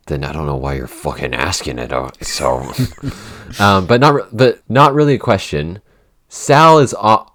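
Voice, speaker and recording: A man with a low, slightly bright voice hosts a casual podcast Q&A, rambling informally. He is the podcast host and also the show's writer, and the talk is a relaxed question-and-answer chat. The studio sound is clean, with no echo.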